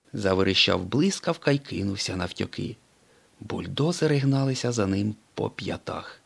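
A man reading a children's storybook aloud in an expressive, dramatic way. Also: fairly low pitch, creaky, slightly rough. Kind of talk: storybook narration.

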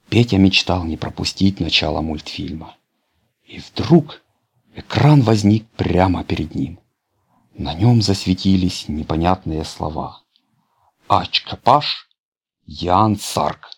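A man reading a children's fairy tale aloud, in an expressive, animated manner. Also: sits low, creaky, breathy edge. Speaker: narrator.

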